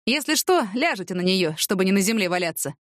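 A wry, streetwise homeless man who drawls his mocking slang and likes to philosophize, as a woman reads him out. The pitch swings widely from line to line, and the sound is dry and close. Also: big pitch swings, fast talker, dry recording, natural voice.

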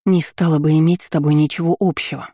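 A proud young noblewoman from an audiobook, as a reader puts her on, taut as a wire and stubborn, snapping back in clipped, strained lines. The voice is dark and mellow and sits close and dry, with no room around it. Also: mid-range voice, little pitch movement, fast, breathy edge, no echo.

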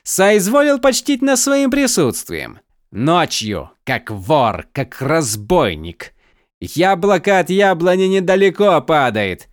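A man voicing a shrill, spoiled young count. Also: sing-song, slow, no room sound, studio quality, full character voice. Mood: sneering. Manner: shrill shouting, domineering.

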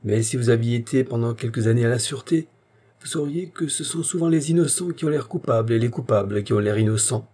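A man's voice: medium pitch, quick pace, mellow, close to an everyday voice. A man reading the part of a sly, cold police inspector with a grumbling manner.

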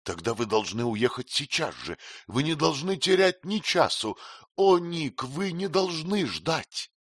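A man's voice: fairly high pitch, very animated, a little slow, slightly rough, no room sound, studio quality, pitched above the performer's own voice, exaggerated voice. A man reading an audiobook, voicing a young woman who is anxious but resolute. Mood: anxious resolve.

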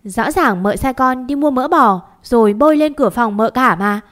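A woman's voice: a little high, lively intonation, normal speed, fairly bright tone, pitched above the performer's own voice. A woman voicing a terrified young maidservant who pleads and cries for mercy in a storybook reading. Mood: pleading. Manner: pleading, tearful, stammering.

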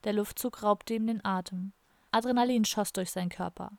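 A woman narrating an audiobook in a calm, even reading. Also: medium pitch, normal speed, vocal fry, no room sound. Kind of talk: scripted narration.

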